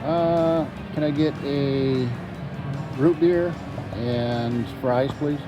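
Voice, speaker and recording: A man's voice: medium pitch, very slow, highs cut off, over music. A man in his car ordering food at a drive-in speaker, speaking up in a polite ordering voice. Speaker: vlog host. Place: inside a car at a drive-in restaurant. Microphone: handheld phone camera.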